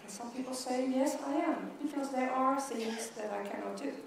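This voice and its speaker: Speaking English with a Swedish accent, a middle-aged woman from Sweden delivers a conference keynote, often stuttering and repeating words. Her high voice has vocal fry and a moderate pace. It's recorded from a distance in a big, echoing hall with faint noise beneath.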